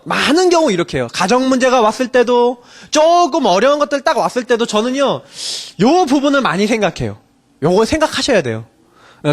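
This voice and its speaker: A male pastor giving a sermon in a casual, personal way, asking many rhetorical questions. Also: extremely high pitch. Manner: casual and personal, telling stories from his own family.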